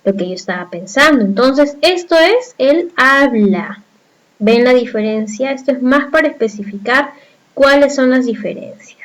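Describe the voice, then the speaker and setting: A woman's voice: high voice, animated, normal speed, low-quality recording. A woman from Peru with a Peruvian accent, teaching a video lesson and explaining step by step while asking her viewers rhetorical check questions. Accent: Peruvian Spanish.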